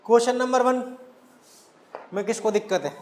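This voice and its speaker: Male teacher, very high voice, echoey classroom sound, asks and answers his own questions. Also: normal speed. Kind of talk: classroom lecture.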